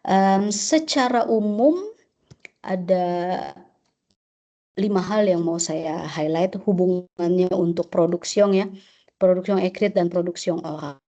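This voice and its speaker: A woman's voice: medium pitch, mellow, highs cut off. A woman teaching a webinar lecture as an exam instructor, often checking in with "oke?" and mixing French terms into her explanations.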